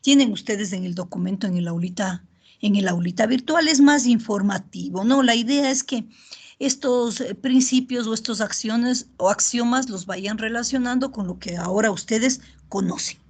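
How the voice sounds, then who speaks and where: A middle-aged woman teaching an online biochemistry class, often pausing to ask students if they follow. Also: a little high, breathy edge. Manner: checks in often with "¿ya?" and "¿verdad?"; steady explanatory pace with filler pauses. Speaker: university lecturer.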